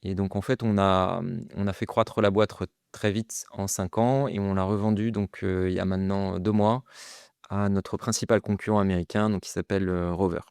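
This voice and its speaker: A French man, a startup founder, talking casually as a guest in an interview, pausing often with fillers and restarts. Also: deep voice, level tone, a little mellow, clear, resonant tone, no echo, clean studio sound. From France. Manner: hesitant, many fillers and restarts. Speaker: guest entrepreneur.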